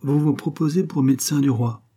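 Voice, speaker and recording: A man's voice: mid-range voice, a little fast, warm tone, husky, voice pushed up, natural voice. A man voicing a haughty, scornful queen with a biting, contemptuous delivery. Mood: mocking.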